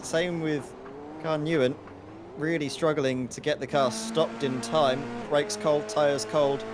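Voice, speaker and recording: A man's voice: on the high side, steady tone, takes it slowly. A man giving conversational, explanatory analysis as a motorsport co-commentator on sim racing. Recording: clear engine noise behind the voice. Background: race car engines.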